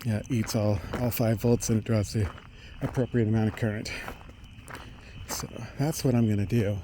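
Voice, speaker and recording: A middle-aged man thinks aloud in a halting technical monologue while walking outdoors along a road. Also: lowish voice, steady tone. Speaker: vlogger. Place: outdoors on a residential roadside. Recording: outdoor street noise, passing vehicles.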